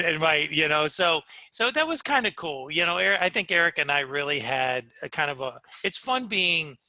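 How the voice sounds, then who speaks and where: A middle-aged man talking as a podcast guest, reminiscing in a rambling, friendly way full of fillers and quick agreements. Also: fairly high pitch, no echo. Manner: warm, rambling, with frequent fillers and affirmations. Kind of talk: casual reminiscing chat.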